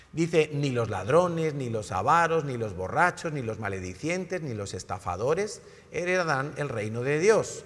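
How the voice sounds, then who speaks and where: Emphatic male preacher in a reverberant hall. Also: medium pitch. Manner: emphatic preaching, acts out voices in anecdotes. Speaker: pastor. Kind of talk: sermon. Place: church hall.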